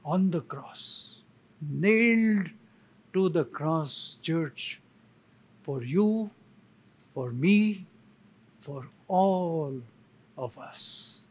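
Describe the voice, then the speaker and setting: A man, a church elder, preaching a sermon slowly and emphatically, pausing for effect and repeating key words. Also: on the high side, lively intonation, a little mellow, low-quality recording. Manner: slow, emphatic, with dramatic pauses and repetition.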